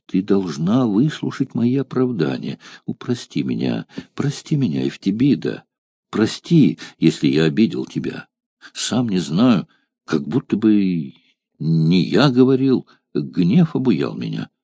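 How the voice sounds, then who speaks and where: A towering Germanic warrior man pleads, impassioned and lovesick, in a deep, dark voice, as a male narrator puts him on. The storybook reading sits dry and close. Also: sing-song, a little slow, husky, no echo, full character voice. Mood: pleading.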